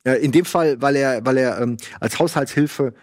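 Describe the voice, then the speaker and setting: A man casually reviewing a book in a video, rambling with lots of fillers and lively asides. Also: medium pitch, moderate pace, dry recording, clean studio sound.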